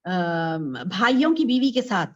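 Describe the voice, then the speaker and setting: A woman with a fairly high voice preaching to a women's gathering, circling back over her points and asking the listeners questions. She slows down to recite scripture, then explains it. The recording sounds dull and lo-fi. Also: very animated, darkish tone. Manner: repeats phrases and asks rhetorical questions; recites Arabic verses slowly, then explains them. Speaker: female Islamic scholar teaching women. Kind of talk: religious lecture.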